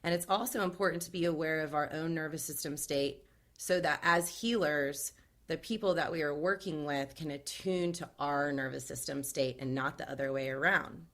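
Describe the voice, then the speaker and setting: A woman podcast guest, a trauma awareness guide, explaining things in a calm, measured way. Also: low-pitched. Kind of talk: casual podcast conversation.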